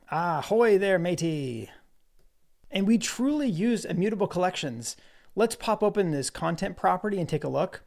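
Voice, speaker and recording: Guy walking through code on screen, relaxed, explains as he types. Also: a little high, creaky. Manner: relaxed explanatory, narrates while typing. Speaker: developer presenter. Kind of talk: screen-recorded coding walkthrough.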